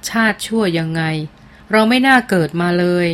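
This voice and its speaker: A brooding teenage boy from an audiobook novel, as a woman reader puts him on. His words come slowly and low, unsteady with remorse. An intense, troubled young man. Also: lightly acted. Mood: self-loathing. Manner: slow, low and shaky.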